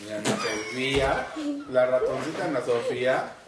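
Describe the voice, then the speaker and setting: A woman with a very deep, low-pitched voice hosts a podcast, patiently questioning children about a storybook. She often ends her questions with a tag question. Her voice sounds roomy and echoey, with a faint hiss underneath. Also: animated, moderate pace. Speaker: host of a children's book podcast. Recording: roomy echo with faint noise.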